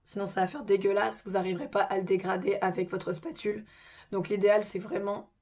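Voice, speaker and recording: A woman hosting a casual makeup tutorial, chatty and informal, her voice hoarse from a sore throat. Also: mid-range voice, flat delivery, a little fast, a little mellow.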